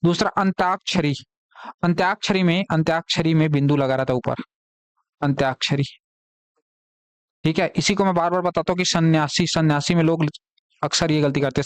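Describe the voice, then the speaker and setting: Male teacher w/ chhattisgarh hindi accent, repeats words a lot, quizzes the class, kinda high voice, dry close mic. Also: clean tone, no room sound. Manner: explains patiently, repeats key words, asks students questions. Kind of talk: live online exam-prep class.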